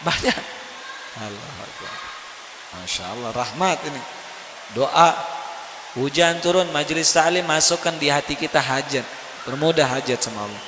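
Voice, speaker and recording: A man preaching at a religious study gathering, animated and often asking the audience questions. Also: a little high, normal speed, long pauses. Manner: animated, asks the crowd questions. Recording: echoey hall with faint noise.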